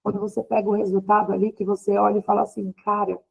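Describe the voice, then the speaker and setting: A woman's voice: medium pitch, completely flat delivery, rapid-fire, gravelly, husky. A woman in her thirties giving an emotional church testimony to a women's group, often adding "né?". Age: 30s. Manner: emotional, repeats "né?" often, voice rising in quoted speech. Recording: slightly dull lo-fi recording.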